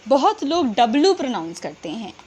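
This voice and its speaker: A woman's voice: high voice, very animated, fairly quick, a little mellow, breathy edge. A woman with an Indian accent teaching English pronunciation, mixing Hindi and English and answering her own questions. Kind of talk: pronunciation lesson.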